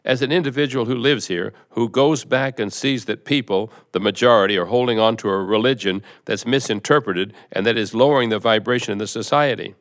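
Nervous earnest seminar guest, read by a man, lowish voice, hesitant questions. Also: a little fast, hardly any pauses, fairly bright tone, lightly acted. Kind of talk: reading a seminar transcript aloud.

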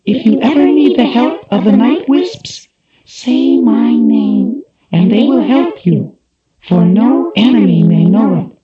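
A man voicing a tiny female night wisp spirit, speaking slowly and gravely, with faint music behind. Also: very high-pitched, highs cut off, pitched above the performer's own voice, full character voice. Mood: gentle. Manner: slow, grave, prophetic.

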